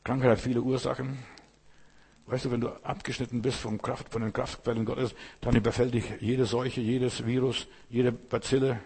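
A man preaching a sermon, speaking straight to the listener, repeating phrases with slow, emphatic pauses. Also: medium pitch, level tone, darkish tone, slightly rough. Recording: reverberant hall.

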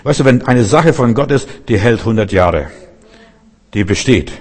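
Husky-voiced man preaching a folksy sermon. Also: medium pitch, expressive, normal speed. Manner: talks straight to the listener, keeps asking "weißt du?". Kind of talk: informal sermon.

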